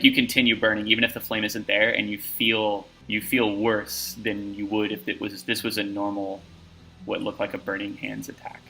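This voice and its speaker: A man's voice: fairly low pitch, creaky, pushed and bright, a little hiss or hum, rough recording. A man narrating a tabletop game as game master, talking loosely with lots of fillers and restarts.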